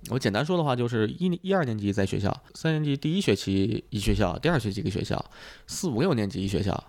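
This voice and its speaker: A man's voice: medium pitch, animated, fast talker, darkish tone. Thick-tongued man chatting. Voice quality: thick-tongued, slightly slurred articulation with muddled L sounds. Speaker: podcast host. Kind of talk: casual improvised chat.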